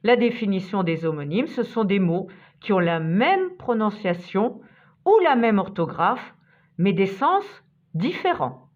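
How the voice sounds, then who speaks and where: A woman narrating a scripted vocabulary lesson as a teacher, reading out examples one by one in a measured way. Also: mid-range voice, sing-song. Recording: tinny phone-like sound.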